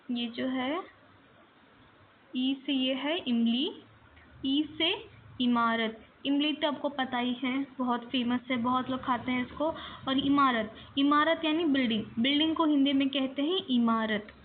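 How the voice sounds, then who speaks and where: A woman's voice: high voice, slow, phone-quality sound, a little hiss or hum. A woman teaching the Hindi vowels to beginners, stretching each sound and mixing English words into her Hindi. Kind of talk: slow, patient teaching with drawn-out example words.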